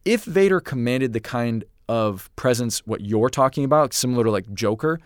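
A man's voice: medium pitch, expressive, moderate pace, smooth, no echo, clean studio sound. A man co-hosting a podcast in casual chat, talking in enthusiastic, rambling stretches that often stop and restart. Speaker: podcast co-host.

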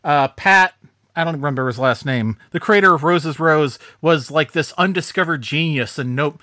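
A man co-hosting a podcast, chatting casually and telling stories in an animated, joking way. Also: on the high side, normal speed, no room sound, studio quality. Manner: animated, jokey storyteller. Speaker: podcast co-host. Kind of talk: casual chat.

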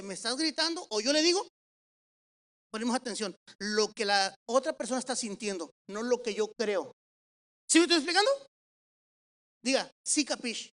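A man preaching as a pastor, animated, asking the congregation questions and swinging from soft to loud. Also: extremely high pitch. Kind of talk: sermon with practical advice.

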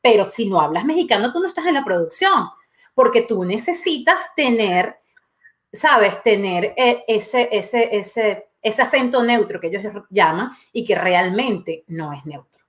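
A woman hosting a casual live-stream chat, animated and talkative. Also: medium pitch, unhurried. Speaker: host.

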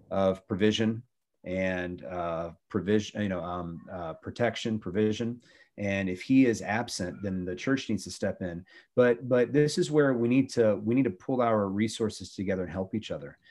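A man's voice: lowish voice, moderate pace, darkish tone. A middle-aged man, a former youth pastor, talking about faith and family in an earnest, preachy way with many restarts.

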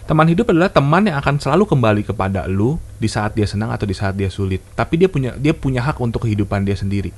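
A man co-hosting a casual podcast chat, giving his own views in a relaxed, reflective way. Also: mid-range voice, quick pace, hardly any pauses, husky. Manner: relaxed, reflective, gives his opinion plainly. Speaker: podcast co-host.

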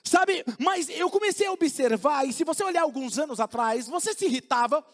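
A man's voice: extremely high pitch, lively intonation, fairly quick, fairly bright tone, long reverb tail. A man preaching a conversational sermon, joking and acting out little everyday dialogues for his congregation. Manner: humorous, acts out little dialogues.

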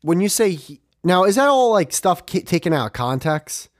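Guy hosting a podcast, kinda high voice that jumps all over, rambly and jokey. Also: sing-song, normal speed, no echo, studio quality. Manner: rambling, many filler words, jokey. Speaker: podcast host. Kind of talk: casual podcast chat.

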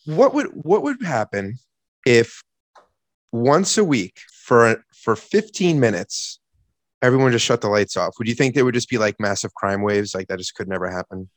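A man's voice: medium pitch, big pitch swings, moderate pace, no room sound, studio quality. A man co-hosting a podcast, musing and asking questions in casual chat. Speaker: podcast co-host.

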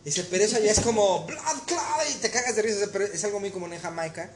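A man's voice: high voice, very fast, reverberant, a crowd in the background. A man from Mexico with a Mexican accent, a cook co-hosting a casual podcast, telling stories in slangy speech and acting out the voices he quotes. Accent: Mexican Spanish. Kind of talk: casual chat.

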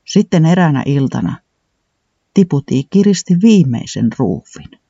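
A man narrating a children's storybook in an animated, sing-song reading style. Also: fairly high pitch, vocal fry, breathy edge, dry recording, dull audio.

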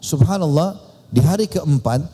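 A man's voice: a little high, lively intonation, normal speed, mellow, breathy edge. A man preaching a sermon as a conversational story, acting out the dialogue himself. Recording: long hall reverb.

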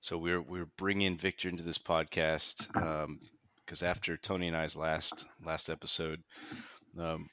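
A man with a very deep voice hosts a podcast, relaxed and casual as he brings in his guest. His tone is bright and forceful despite the low pitch, and stays flat and even. The sound is dry and close. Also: a little slow, clear, resonant tone, no room sound. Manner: relaxed, introduces and asks questions. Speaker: podcast host.

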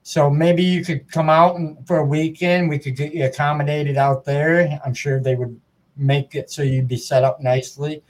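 A man's voice: fairly high pitch, level tone, moderate pace, darkish tone. Friendly chatty male podcast host. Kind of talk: casual podcast interview.

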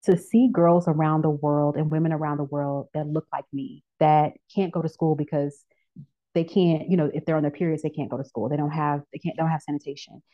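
A woman in her thirties, a podcast guest telling her career story in a casual chat, lively and acting out the voices of people she quotes. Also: low voice, a little fast. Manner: animated storyteller who acts out quoted voices. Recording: dull lo-fi audio.

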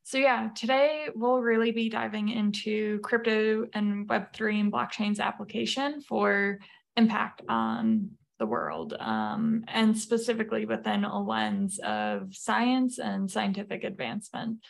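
Measured woman with a gravelly edge. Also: mid-range voice. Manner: measured, explanatory, with frequent fillers. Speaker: podcast guest. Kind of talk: presenting slides in a remote interview.

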